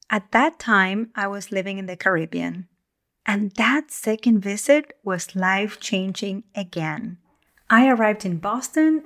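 An Argentine communication coach hosts her podcast, delivering a scripted monologue in a calm, gentle, measured manner. Her voice sits in the mid range.

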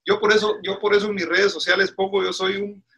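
Earnest husky Guatemalan pastor. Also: male voice, high-pitched, level tone, brisk, a bit bright, muffled recording. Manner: earnest, preacherly, with restarts. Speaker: pastor and podcast guest. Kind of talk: casual interview talk.

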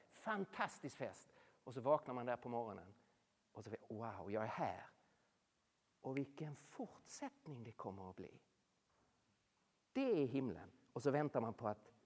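Casting: lively preacher, big pitch swings, long hall reverb, sermon to an audience. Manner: animated, rhetorical questions, swings between loud and hushed. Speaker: speaker addressing a Norwegian audience.

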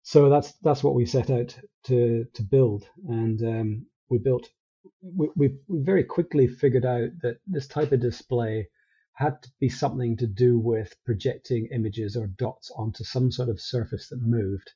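Mellow Scottish man, husky lo-fi call. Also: mid-range voice, a little slow. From Scotland. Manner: relaxed, rambling with frequent restarts. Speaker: guest, company co-founder. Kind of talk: casual interview chat.

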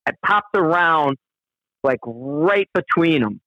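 A man with a slightly raised pitch tells a rambling, profane anecdote in loose conversational style, often restarting his sentences. The recording is dull and dry, with no room sound. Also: animated, slow, pushed and bright, no room sound. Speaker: guest storyteller. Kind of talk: casual spoken anecdote.

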